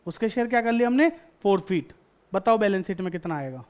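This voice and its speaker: A man's voice: high-pitched, animated, brisk. A male teacher, giving a classroom lecture. He fires questions at the class, repeats each point, and answers himself before moving on. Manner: addresses students as beta.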